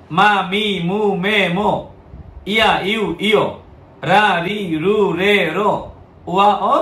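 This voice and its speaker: Slow, high-voiced man teaching syllables. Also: a bit bright, reverberant, slight background noise. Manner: patient, repeats each syllable in drills. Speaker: Japanese language teacher. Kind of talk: slow spoken lesson, reading syllables aloud.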